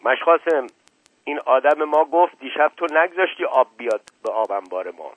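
Brief: man playing an accusing, hot-headed colonel, raised husky voice, tinny audiobook sound. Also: a little high, dry recording, pitched above the performer's own voice, natural voice. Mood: indignant. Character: indignant middle-aged male colonel, quick-tempered. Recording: narrow phone-like sound.

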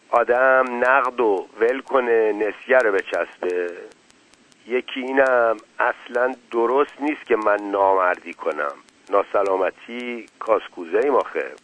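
A man's voice: fairly low pitch, a bit bright, no echo, close to an everyday voice, poor audio. A man voicing a sly, stubborn male go-between at a gambling game, talking in cocky back-alley slang. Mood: defiant.

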